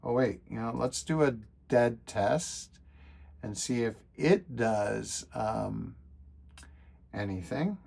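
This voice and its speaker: A man talking casually to camera while testing and repairing old computers, thinking aloud with lots of fillers and getting excited when things work. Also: medium pitch, takes it slowly, vocal fry. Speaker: retro computer repair vlogger. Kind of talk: casual hands-on repair commentary.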